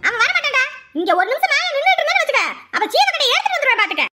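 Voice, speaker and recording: Comedy sketch: woman as a loud thrifty village mum, very high and lively voice, fast and bright, scolding. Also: very noisy. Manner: shrill, scolding, wailing. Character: loud thrifty middle-aged village mother. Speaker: mother.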